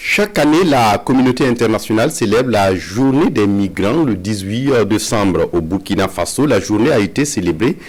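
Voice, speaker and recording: A male news anchor reads the bulletin formally and evenly in a lowish voice. It sounds clean, like a studio. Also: animated. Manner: formal, measured reading. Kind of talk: news presentation.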